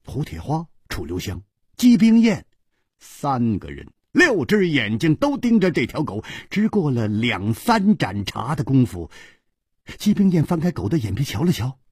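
Male traditional storyteller; husky, unhurried, lively pitch, dry. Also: dry recording. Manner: expressive, swinging between loud and hushed.

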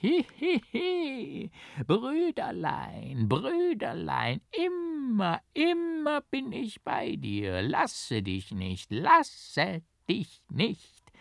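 A shrill cackling monk double. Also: male voice, huge pitch swings, extremely slow, creaky, no room sound, studio quality, exaggerated voice. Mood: giggling, stammering. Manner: giggling, stammering, shrill. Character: cackling ghostly male monk double, mad and gloating.

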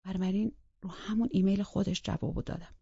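A woman's voice: medium pitch, steady tone, gravelly, mellow, breathy edge, no room sound, highs cut off. A woman reading a psychological thriller aloud as a first-person audiobook narrator, in a tense, intimate way that sometimes drops to a whisper.

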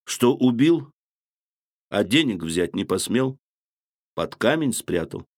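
A man's voice: mid-range voice, lively intonation, measured pace, no echo, studio quality, close to an everyday voice. An actor playing a feverish, brooding young man in a literary audiobook reading, with an intense confessional manner. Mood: bitter.

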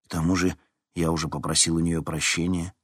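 An aggrieved teenage schoolboy grumbling about unfair treatment, as the narrator puts him on. Low, husky voice, recorded close and dry. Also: male voice, level tone, brisk, no room sound.

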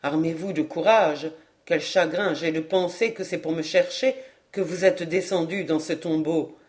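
Earnest young hero of a storybook, a bit lower, steady, woman reading. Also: a little slow. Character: young man, earnest and encouraging son.

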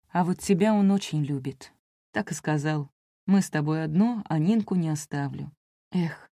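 A woman's voice: low-pitched, dark tone, no room sound, clean studio sound. A woman voicing a weary, resigned mother.

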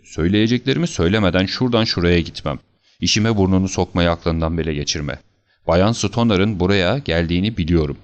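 A man voicing an old, huge, violent doctor who shouts angry threats in an audiobook. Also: deep voice, a little fast, highs cut off, close to an everyday voice. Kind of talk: audiobook character reading.

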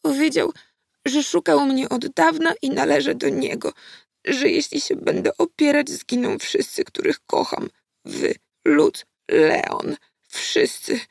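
A woman's voice: high voice, animated, unhurried, vocal fry, darkish tone, no echo, clean studio sound, pitched above the performer's own voice, full character voice. A woman reading an audiobook, voicing a frightened, traumatized little girl who speaks in a trembling whisper.

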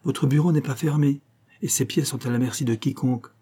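Polite young male attaché, read by a man, formal and courteous, mellow husky voice. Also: medium pitch, fairly quick, voice pushed up, lightly acted. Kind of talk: audiobook character reading.

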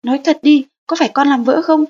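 A woman reading an audiobook voices an angry mother who loudly scolds her child and threatens a spanking. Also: high voice, quick pace, lo-fi sound, pitched above the performer's own voice, close to an everyday voice. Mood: angry scolding. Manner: loud, sharp, threatening.

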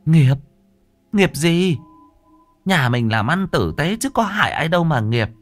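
A man's voice: a little high, very animated, a little slow, faint music behind, pitched above the performer's own voice. A man voicing a scolding middle-aged village wife who brushes off her husband's fears. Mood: dismissive. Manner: sharp, nagging, brushing things off. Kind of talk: horror story narration.

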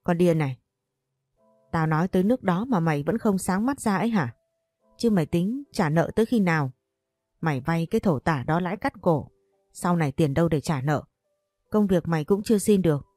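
A woman's voice: fairly low pitch, lively intonation, a little fast, dark tone, dry recording, soft background music. A woman voicing a brash, talkative young woman friend who teases and scolds bluntly in an audio story. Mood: scolding.

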